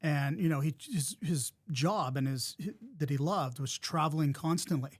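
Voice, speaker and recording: Upbeat podcast host, man, slightly high voice. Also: normal speed. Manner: encouraging, reflective, with repeated restarts. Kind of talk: casual interview talk.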